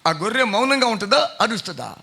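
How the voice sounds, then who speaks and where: A man's voice: high-pitched, big pitch swings, fast, vocal fry, sharp tone. A middle-aged man preaching a sermon as pastor, questioning his congregation in a conversational way. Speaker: pastor and Bible college principal.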